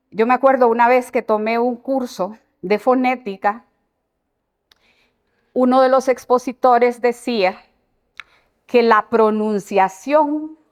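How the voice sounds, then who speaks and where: An older woman, an educator giving an informal talk to parents and explaining with everyday examples. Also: high-pitched.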